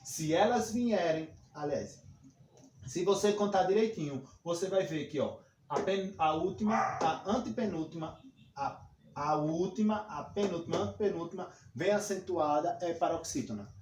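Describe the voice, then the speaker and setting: Male teacher with a Brazilian Portuguese accent, slightly high voice, patient explainer, echoey room with faint hiss. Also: moderate pace, a little mellow. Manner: explains patiently, repeats points, checks with "ok?" and "tá bom?". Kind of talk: recorded classroom lesson.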